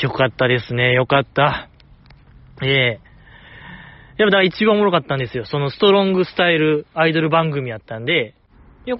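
Man, solo host, higher voice, rambling and mock-formal, slightly dull dry sound. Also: no echo. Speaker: podcast host. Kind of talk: casual solo talk show.

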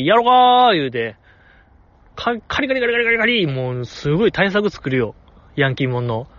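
A man with a Kansai accent delivers relaxed solo commentary outdoors in the cold, evaluating voice performances and mischievously performing the lines he cites. His voice is fairly high and a bit bright, recorded lo-fi with no echo.

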